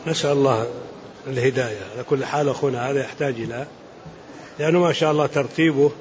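An older man from Saudi Arabia, an Islamic scholar answering questions in a measured, explanatory lecture, reading each question aloud and then rebutting it. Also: medium pitch, steady tone. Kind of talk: religious Q&A lecture. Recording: muffled lo-fi lecture recording with faint hiss.

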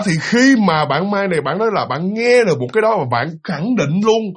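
Retelling a ghost story in a casual, animated way, a man repeats himself and uses lots of fillers while performing the voices he quotes. His voice sits high and sounds slightly rough.

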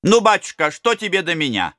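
A man's voice: high-pitched, sing-song, a little fast, sharp tone, no room sound, clean studio sound, voice pushed up, full character voice. A man voicing an old grey-bearded male miller, sly and evasive, talking in a wheedling, coaxing way.

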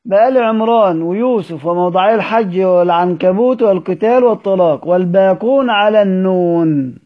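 A man's voice: high-pitched, a little fast. A man with an Egyptian accent teaching a study circle, quizzing his students and answering his own questions. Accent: Egyptian Arabic. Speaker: Quran recitation teacher. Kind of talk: recorded study-circle lesson. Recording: dull lo-fi audio recording.

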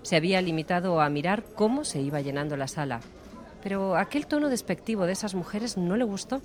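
A man narrating an audiobook in a steady, measured storytelling voice. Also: high-pitched, a faint crowd. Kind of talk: scripted narration.

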